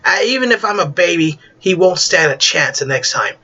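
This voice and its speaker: A man's voice: high voice, expressive, normal speed, pushed and bright, muffled recording, exaggerated voice. A man voicing an earnest, anxious young male hero who talks urgently. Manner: urgent, pleading.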